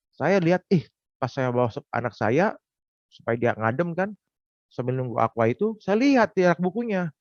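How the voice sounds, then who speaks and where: A man's voice: a little high, no echo. Frank man giving a personal testimony. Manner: frank, confessional storytelling. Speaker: testimony speaker. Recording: dull, dry lo-fi recording.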